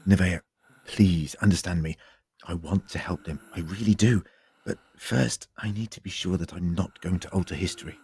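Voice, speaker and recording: A man playing a grave, cautious time-travelling doctor in an audio drama, explaining in an earnest, measured way. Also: low-pitched, fairly even intonation, a little mellow, breathy edge, no room sound, full character voice. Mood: stern, earnest.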